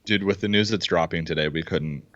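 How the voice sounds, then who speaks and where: Excitable deep-voiced man co-hosting. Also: brisk, no room sound. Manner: excitable, pounds the table. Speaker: podcast co-host. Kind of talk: casual fantasy football chat. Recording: dull, dry lo-fi sound.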